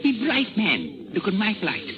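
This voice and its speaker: A man's voice: sits high, wildly swooping pitch, measured pace, full character voice. An actor playing a wry, crafty king of France in disguise, with theatrical delivery in 1930s radio drama style. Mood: wry, testy. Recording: muffled 1930s radio broadcast with music.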